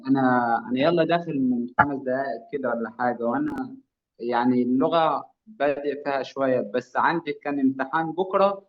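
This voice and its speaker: A man's voice: mid-range voice, fast. A young man, a student speaking politely to his teacher in a lesson. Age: young adult. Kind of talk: casual chat. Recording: muffled sound.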